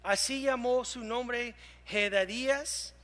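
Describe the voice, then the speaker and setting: A man with a very high, bright voice preaches a sermon, moving between loud emphatic lines and soft hushed asides. He slows down when he reads scripture aloud. His voice rings out in a hall with a long reverb. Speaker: pastor.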